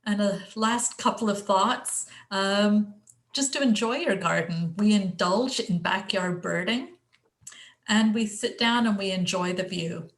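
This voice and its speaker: A woman's voice: medium pitch, a little slow. An English woman chatting casually through a garden presentation on a video call, self-deprecating and full of fillers. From England. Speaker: guest speaker presenting her garden.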